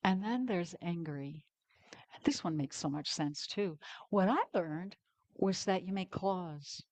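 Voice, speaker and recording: An older woman preaching a conversational sermon at a very unhurried pace, stopping often between phrases. Her voice sits somewhat low and comes across dry and close, with little room sound. She speaks candidly and personally, as a guest minister. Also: darkish tone, no echo. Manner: slow, pausing, personal and candid.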